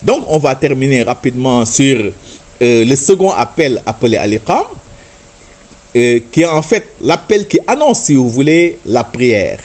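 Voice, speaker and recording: Male religious teacher, husky timbre, mid pitch with wide swings, patient step-by-step explanation. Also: very animated, a little slow, a little mellow. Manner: patient, explanatory, demonstrates chanted Arabic words and repeats "n'est-ce pas". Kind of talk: religious instruction talk.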